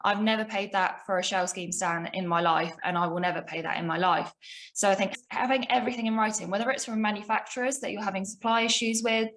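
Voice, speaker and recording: A woman's voice: mid-range voice, quick pace, a bit bright, rough recording. A woman co-hosting a business podcast, telling a story emphatically and with indignation. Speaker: podcast co-host. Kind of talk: casual business podcast chat.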